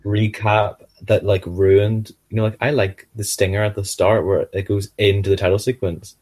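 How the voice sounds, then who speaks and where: A man co-hosting a casual podcast chat, playful with quick gasping reactions and laughs. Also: on the low side, flat delivery, darkish tone. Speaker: podcast co-host.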